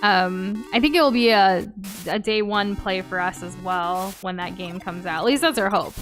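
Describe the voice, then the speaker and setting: A woman's voice: mid-range voice, moderate pace, faint music behind. A woman co-hosting a video game stream, chatting casually as she plays and responds to viewers. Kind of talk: casual chat during a game playthrough.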